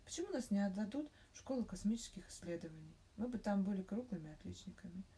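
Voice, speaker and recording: A woman's voice: medium pitch, animated, quick pace, warm tone, close to an everyday voice. A woman reading aloud as a spirited, impatient schoolgirl who talks eagerly and indignantly. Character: spirited eleven-year-old girl, impatient.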